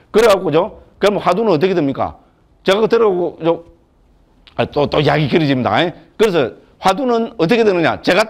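A man, a Buddhist monk, lecturing on scripture in a chatty, joking way full of rhetorical questions. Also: on the high side.

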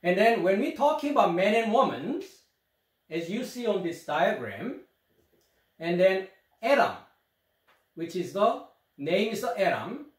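A middle-aged man with a Korean accent lectures on scripture in front of a screen. His voice sits high and moves animatedly up and down as he asks rhetorical questions. The small room adds a noticeable echo. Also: big pitch swings, a little slow, pauses often. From South Korea. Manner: rhetorical questions, gestures while explaining. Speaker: Bible teacher. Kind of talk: Bible study lecture to camera.

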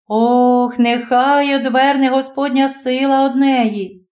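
A woman's voice: high voice, steady tone, slow, darkish tone. A woman voicing a pious, anxious older village landlady who frets and prays. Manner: fretful, praying. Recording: roomy echo.

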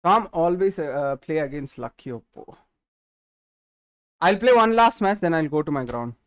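An animated nineteen-year-old gaming streamer with an Indian English accent speaks at normal speed in a slightly high voice, the sound clean and studio-like with no echo. He chats casually while streaming a football game, reading out viewers' messages and directly answering what they ask.

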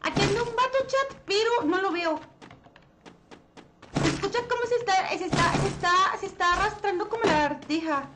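A young Mexican woman livestreaming a game, chatting with viewers and reacting excitedly. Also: very high voice, normal speed. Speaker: livestream gamer. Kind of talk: live game stream chat. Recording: loud game noise behind.

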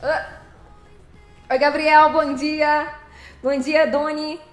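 A woman's voice: sits high, little pitch movement, very slow, echoey room, soft background music. A woman live-streaming a truck game, chatting casually, laughing often and greeting viewers by name.

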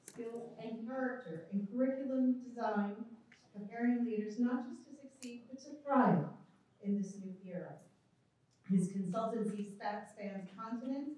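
A woman's voice: fairly high pitch, warm tone. A woman hosting an event, reading a formal prepared introduction for the keynote speaker. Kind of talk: scripted introduction speech. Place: college auditorium. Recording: echoey hall, voice from far off.

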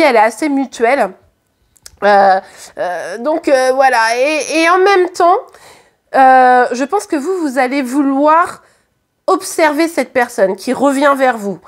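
A hoarse, high-voiced French woman gives a casual tarot reading to a camera set at her table. She's chatty yet hesitant, leaning on fillers and frequently starting over.

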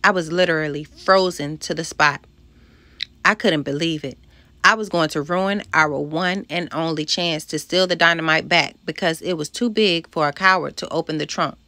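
A woman's voice: deep voice, moderate pace, bright, forceful tone, no room sound. A woman narrating a first-person storybook, reading expressively and voicing the dialogue. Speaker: audiobook narrator.

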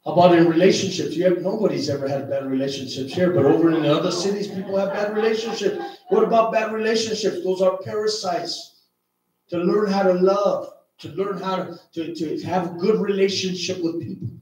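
Male preacher, higher voice, storytelling sermon, heard from a distance in an echoey church hall. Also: brisk. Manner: storytelling with many "man" and "you know", rising to shouts in retold prayers. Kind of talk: sermon with personal testimony.

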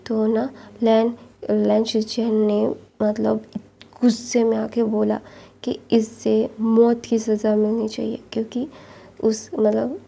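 A soft-spoken woman casually retelling a romance story, chatty and looping back with the same linking phrases. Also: fairly high pitch, vocal fry.

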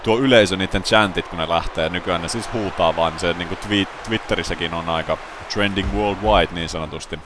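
A man giving excitable play-by-play commentary over a wrestling video game, bursting into loud exclamations. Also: deep voice, few pauses, noisy background.

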